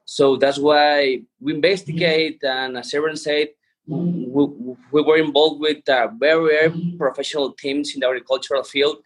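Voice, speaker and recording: Husky man. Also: fairly high pitch, fairly even intonation, normal speed, low-quality recording. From Mexico. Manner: non-native English phrasing. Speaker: interview guest, entrepreneur. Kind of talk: explanatory interview talk.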